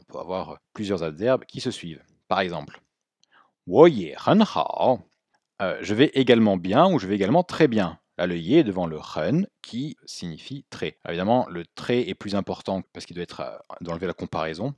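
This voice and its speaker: A man teaching a Mandarin lesson, explaining patiently and repeating Chinese words slowly, with casual fillers and self-corrections. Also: deep voice, darkish tone, dry recording. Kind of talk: spoken language lesson.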